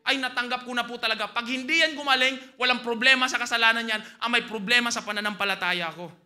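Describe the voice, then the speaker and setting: Filipino pastor preaching, really high voice, jumps from shouting to hushed bits. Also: male voice, fast. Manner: animated preaching, swings from loud exclamations to hushed asides. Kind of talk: sermon.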